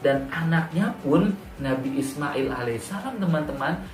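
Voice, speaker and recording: A man's voice: a little high, normal speed. Echoey male children's storyteller. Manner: expressive, addresses young listeners directly with emphatic repetition. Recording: roomy echo, distant mic, background music. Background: music.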